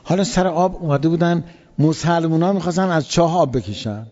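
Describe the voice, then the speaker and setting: A man's voice: a little high, darkish tone. A man preaching, retelling an old story in casual speech and repeating words for emphasis. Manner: vivid retelling with emphatic repetition. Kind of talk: colloquial religious storytelling lecture. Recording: long hall reverb, dull lo-fi sound.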